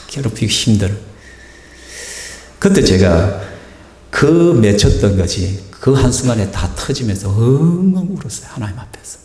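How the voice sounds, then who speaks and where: A man's voice: lowish voice, darkish tone. A male pastor preaching a sermon and telling a personal story, acting out the voices of the people in it. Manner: storytelling, acts out quoted voices. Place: church sanctuary. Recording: echoey church hall.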